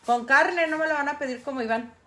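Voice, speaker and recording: A woman's voice: high voice, a little fast, fairly bright tone. A middle-aged woman, chatting casually with viewers on a livestream while she paints. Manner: chatty, talks straight to viewers. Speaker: artist livestreaming her painting.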